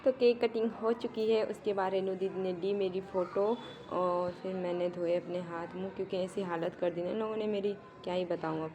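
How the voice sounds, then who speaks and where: With a crowd audible behind her, this Uttarakhand vlogger in her twenties talks directly to the audience in a fairly low, steady voice at normal speed. Her voice-over is chatty, and she often laughs at herself.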